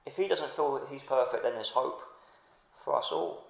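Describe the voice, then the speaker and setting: A man's voice: medium pitch, normal speed, vocal fry, roomy sound, rough recording. A man preaching a sermon in earnest, building to fervent passages and stumbling over restarts.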